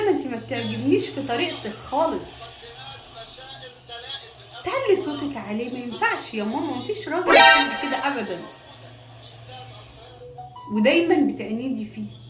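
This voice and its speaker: A woman with an Egyptian accent giving insistent, preachy advice in a comic phone-call sketch. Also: a little high. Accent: Egyptian Arabic. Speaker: wife in a comedy sketch. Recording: roomy echo with loud music behind.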